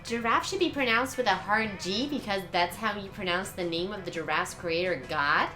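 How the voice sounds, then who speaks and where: A woman's voice: mid-range voice, moderate pace, pushed and bright, close to an everyday voice, rough recording. Belligerent troll creature played by a woman, dogmatic, self-righteous, preachy game role-play, faint music.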